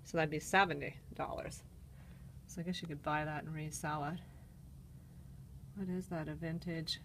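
A woman's voice: low voice, fairly even intonation, moderate pace, slight background noise. A woman with a Canadian accent casually walks through an antique mall, listing items and prices while filming on her phone. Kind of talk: casual walk-through narration. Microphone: handheld phone camera.

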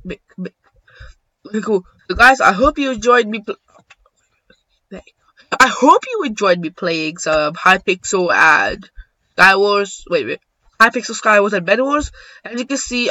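Young guy gaming, high bright voice, mumbles then yells, dry close mic. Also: no room sound, poor audio. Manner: mutters to himself, bursts into excited shouts. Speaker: gaming YouTuber. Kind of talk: casual gameplay commentary.

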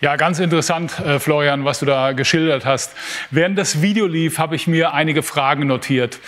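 A middle-aged man moderates in a studio with a slightly raised voice. He leads into each topic politely and then asks a clear, direct question. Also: on the high side, normal speed, fairly bright tone. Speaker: host. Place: television-style studio.

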